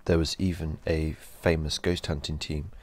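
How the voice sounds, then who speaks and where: A man narrating a horror story in a slow, measured storytelling delivery. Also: very deep voice, flat delivery, darkish tone.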